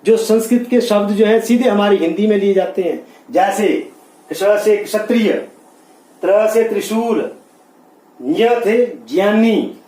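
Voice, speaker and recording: Male grammar teacher, high-pitched, patient step-by-step explainer, distant mic. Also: warm tone. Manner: explains slowly, spells letters out piece by piece, asks and answers his own questions. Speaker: Hindi teacher. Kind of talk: classroom grammar lesson. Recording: echoey room, mic at a distance.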